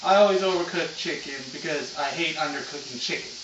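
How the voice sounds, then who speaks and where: A man with a slightly high voice talks through cooking in a loose, easygoing stoner drawl, casual and unscripted. He sounds some way from the microphone in an echoey home kitchen, and the sound is rather dull. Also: fairly quick, noisy background. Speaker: home cooking show host. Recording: muffled, echoey room, far from mic.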